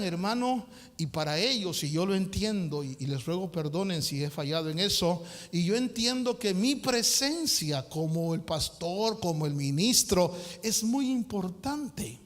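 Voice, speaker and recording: A man preaching a sermon as pastor, swinging from loud shouted passages to quiet, confiding asides. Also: sits high. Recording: long hall reverb.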